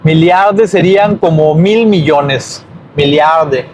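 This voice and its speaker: A man teaching numbers in a casual video lesson, slow and hesitant, often correcting himself. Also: on the high side, a crowd in the background, low-quality recording. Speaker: language teacher. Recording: faint background noise.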